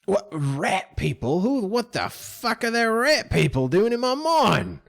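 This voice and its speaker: A man voicing a gruff, foul-mouthed older miner who curses loudly and blusters. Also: high-pitched, sing-song, unhurried, voice pushed up, heavily acted. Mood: angry. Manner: loud, cursing, blustering.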